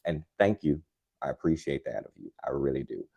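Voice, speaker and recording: A man with an extremely low voice talks gardening in a live demo. His tone is dark and mellow, and his delivery is calm, unhurried and soothing. He rambles casually with plenty of fillers. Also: creaky, husky. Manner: chatty and rambling, with many fillers. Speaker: gardening channel host.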